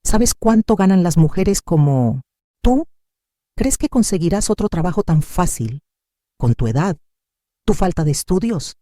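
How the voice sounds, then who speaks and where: A woman's voice: lowish voice, big pitch swings, measured pace, mellow, no room sound, studio quality, pitched above the performer's own voice. A woman reading a leering rich boss. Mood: cold. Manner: smug, insinuating, then cold and threatening. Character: pushy, leering middle-aged male rich employer.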